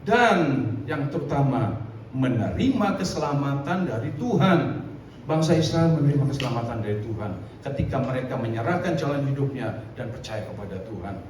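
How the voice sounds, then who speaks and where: Lively man preaching in an echoey room. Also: mid-range voice, brisk. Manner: lively, conversational, with frequent asides. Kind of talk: sermon. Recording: echoey room, distant mic, faint noise.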